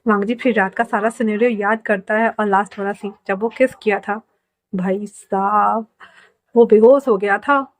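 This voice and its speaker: A woman's voice: medium pitch, fairly even intonation, normal speed. A woman reading fan fiction aloud in a casual, conversational way. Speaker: storyteller.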